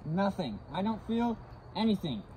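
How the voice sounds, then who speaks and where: A man's voice: very animated, moderate pace, mellow, a little hiss or hum, low-quality recording. A young man speaking through a gas mask while casually demonstrating safety gear in a brash, swearing way. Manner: brash, swearing, breathing deeply. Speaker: vlogger testing safety gear.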